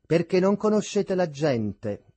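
A man's voice: mid-range voice, slow pace, warm tone, slightly rough, no room sound. A man voicing a bitter, indignant middle-aged seamstress.

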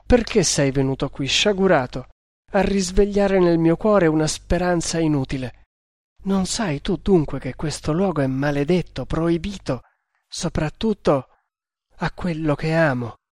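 A man's voice: fairly high pitch, measured pace, a little mellow, no room sound, clean studio sound, natural voice. A man reading an audiobook, voicing a frightened young woman who pleads in a breaking voice. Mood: anguished pleading.

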